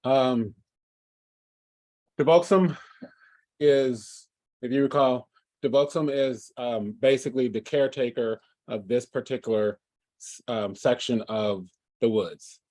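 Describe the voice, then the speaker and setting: A man running a livestreamed tabletop game as game master, halting and full of fillers and restarts. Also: mid-range voice, darkish tone, no room sound.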